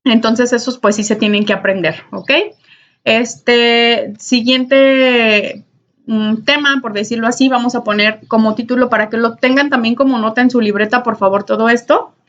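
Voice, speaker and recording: A woman's voice: a little high, fairly even intonation, normal speed, a bit bright. Patient woman teaching a lesson. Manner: patient, repetitive, checks in with "¿sale?" and "¿ok?". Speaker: English teacher. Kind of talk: recorded online class lesson. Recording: dull lo-fi recording.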